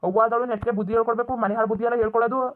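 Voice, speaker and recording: A voice actor playing an angry young man who scolds his family in a village cartoon, shouting and bitter. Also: mid-range voice, flat delivery, rapid-fire, close to an everyday voice. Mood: furious scolding. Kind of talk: Kannada village cartoon dub. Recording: tinny phone-like audio.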